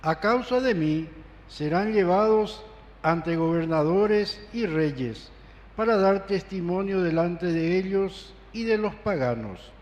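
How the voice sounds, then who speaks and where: Slow high-voiced priest in cathedral echo. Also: male voice, expressive. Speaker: priest reading the Gospel at Mass. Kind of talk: solemn liturgical scripture reading. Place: large church, amplified live Mass. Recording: long reverberant church echo.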